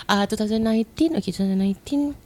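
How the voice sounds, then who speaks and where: A woman's voice: medium pitch, racing, warm tone. A woman in her thirties with a Singaporean accent, chatting casually on a livestream and switching between Malay slang and English. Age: 30s.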